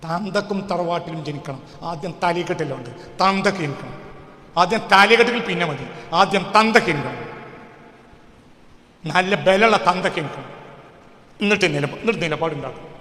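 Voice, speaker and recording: Male preacher, high forceful delivery, loud-soft swings, long hall reverb. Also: animated, moderate pace, pauses often. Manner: swings between loud shouting and low muttering, rhetorical questions. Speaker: Islamic preacher. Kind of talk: fiery sermon.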